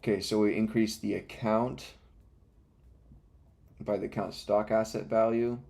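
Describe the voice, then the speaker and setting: Low-voiced man live-coding, with hiccups. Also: level tone, a little slow, creaky, a little mellow. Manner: mutters code steps aloud, then explains in a rambling, self-correcting way. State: has the hiccups. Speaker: livestream host. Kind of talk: live coding stream, thinking aloud. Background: faint music and keyboard typing.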